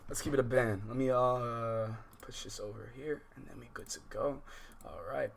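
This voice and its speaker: A gravelly, mid-range male voice comes from an American livestream host giving loose, slangy commentary while reading a visual novel aloud. He rambles and stops short, often interrupting himself, over a little hiss or hum.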